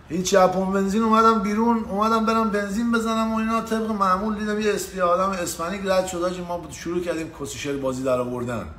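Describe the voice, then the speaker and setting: A man's voice: high voice, fairly bright tone. A man casually telling a story on a live stream, slangy and swearing, greeting viewers by name. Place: indoors in the US. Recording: echoey room with faint ambient noise.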